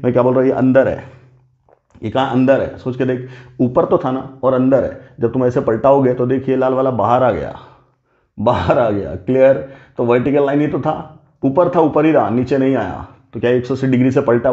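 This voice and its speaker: A man's voice: mid-range voice, mellow. Man teaching in an echoey classroom. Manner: repeats points, checks understanding often. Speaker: chemistry teacher. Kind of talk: classroom lecture. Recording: roomy, slightly dull classroom recording.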